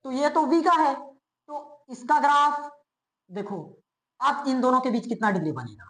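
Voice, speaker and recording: A male physics teacher giving a classroom lecture. He keeps asking quick checking questions and answers them himself, and he repeats key terms slowly. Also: extremely high pitch, animated, fairly bright tone. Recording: roomy echo, as if in a bare classroom.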